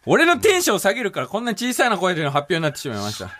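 A man co-hosting comedy radio in a studio, with a bright, sharp tone and a quick delivery. His pitch is high for a man and swings a lot. He mumbles offhand lines, then bursts out loud. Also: wildly swooping pitch, slight background noise. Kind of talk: comedic radio banter and announcements.

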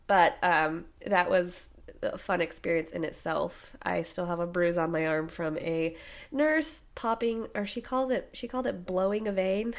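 Woman, thirties, hoarse, casual podcast co-host, animated storyteller, frequent laughter. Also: lowish voice, unhurried. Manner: chatty, laughing often, animated retellings. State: hoarse from illness. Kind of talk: casual chat.

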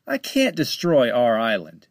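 A man does a brash, excitable pirate captain from a storybook, his voice jumping high and loud. The tone keeps a gravelly grit and stays dry, right up on the mic. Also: measured pace, dry recording, exaggerated voice. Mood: defiant. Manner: raised, excited, pitching up sharply. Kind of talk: storybook read-aloud.

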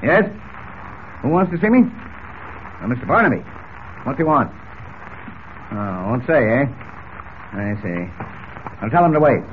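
An actor playing a brusque, bossy older newspaper editor in 1940s radio drama. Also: male voice, medium pitch, very animated, unhurried, pauses often. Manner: blustering, brusque. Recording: tinny old radio recording, faint noise.

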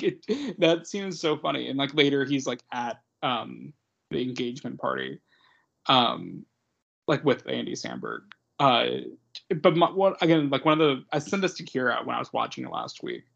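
Man, podcast co-host, husky voice, enthusiastic, laughs often, slightly muffled sound. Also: mid-range voice, normal speed. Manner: enthusiastic, laughs a lot, swears casually. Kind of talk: casual chat.

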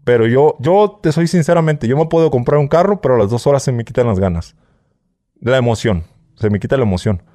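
A man's voice: medium pitch, fairly quick, warm tone, no echo, studio quality. A Mexican man, an interview guest, tells his stories candidly in a casual chat and keeps checking with the listener. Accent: Mexican Spanish. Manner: candid storytelling, often asks "¿sí?" and "¿no?". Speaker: interview guest, former smuggler.

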